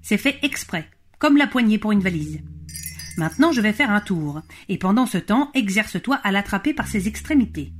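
A woman's voice: medium pitch, sing-song, normal speed, slight background noise, natural voice. A woman voicing a pompous, hot-tempered father fox in a storybook, lecturing and scolding his son.

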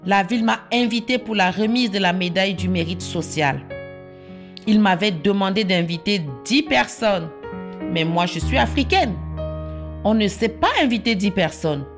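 A woman, calmly telling her life story in short, plain sentences. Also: medium pitch, moderate pace. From Cameroon. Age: 40s. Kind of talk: personal testimony. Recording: soft guitar music underneath. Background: plucked guitar music.

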